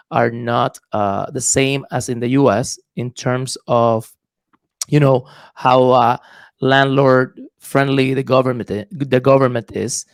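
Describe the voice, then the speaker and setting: On a casual podcast, a real estate investor from Puerto Rico talks as the guest in his Puerto Rican accent, his medium-pitched voice creaky. He's thoughtful but hesitant, leaning on lots of fillers, and the recording is dry.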